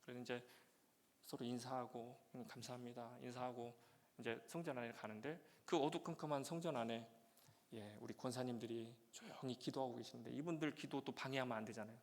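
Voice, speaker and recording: A male pastor giving a sermon with a personal testimony, telling his story with many "예" fillers and breaking into loud, emotional prayer. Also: mid-range voice, fairly even intonation, fairly quick. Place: church sanctuary. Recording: long church reverb.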